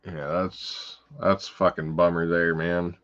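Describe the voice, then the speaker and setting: A man's voice: low-pitched, level tone, slow, a bit bright, dull audio. A man hosting a casual livestream about films, talking in a rambling, profane way, full of fillers. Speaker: livestream host.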